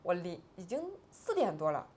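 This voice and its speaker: A woman's voice: lowish voice, sing-song, moderate pace, darkish tone, slight background noise. A woman in her forties, an interview guest, telling a painful personal story with agitated, tearful swings between subdued and raised voice.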